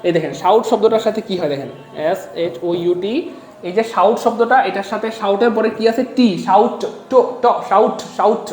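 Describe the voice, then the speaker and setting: High-voiced energetic tutor. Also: male voice, brisk, reverberant. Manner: energetic, repeats phrases, asks the audience questions. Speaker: exam-prep English teacher. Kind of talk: online class lecture.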